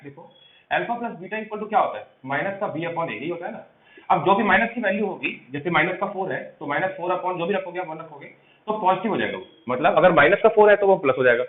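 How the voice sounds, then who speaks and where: Man, math teacher, quick high voice, echoey room, tinny phone-like sound. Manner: explains quickly, asks and answers his own questions. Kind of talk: step-by-step exam tutorial.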